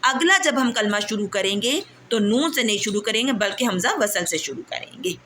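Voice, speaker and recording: Bright-voiced woman teaching recitation. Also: medium pitch, expressive, a little hiss or hum. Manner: patient, checks understanding often; stretches out recited words slowly. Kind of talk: classroom tajweed lesson.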